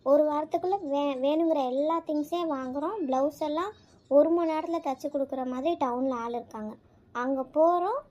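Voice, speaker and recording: A woman's voice: sits high, fairly quick, natural voice. A woman voicing a heartbroken young friend. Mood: encouraging. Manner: soft, tearful.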